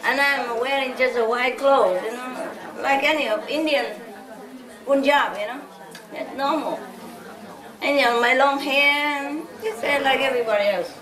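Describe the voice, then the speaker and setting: A spiritual teacher from Vietnam, high-voiced, gives a casual, story-filled talk sprinkled with "you know?" asides, speaking a little slowly. She is picked up at a distance in a large, echoing hall, with the audience's murmuring crowd noise around her.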